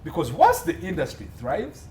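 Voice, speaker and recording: His voice is a little high and darkish, swooping wildly in pitch at a normal speed. A Ugandan entertainment law consultant, he comments as an interview guest, emphatic and repetitive for stress, captured by a distant mic with faint background noise.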